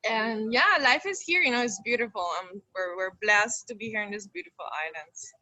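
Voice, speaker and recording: Bright-voiced effusive woman. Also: on the high side, a little fast, no echo, poor audio. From born in Maracaibo, Venezuela, raised in Aruba from age eight. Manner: effusive, repeats words for emphasis. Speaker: interview guest. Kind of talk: casual chat on a video call. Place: open-air beach restaurant at a hotel. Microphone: phone on a video call.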